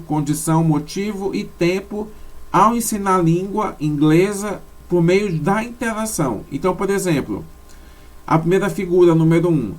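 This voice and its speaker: A man's voice: fairly high pitch, darkish tone. A man giving a lecture over slides, explaining step by step with frequent tag questions and self-corrections. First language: Portuguese. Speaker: teacher.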